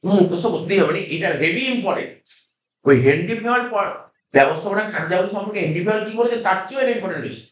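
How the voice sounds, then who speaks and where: A man with a Kolkata Bengali accent teaches a class, his voice pitched high for a man. He keeps repeating key terms and firing questions back at the students. The room around him is echoey. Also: animated, rapid-fire. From India. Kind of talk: classroom lecture.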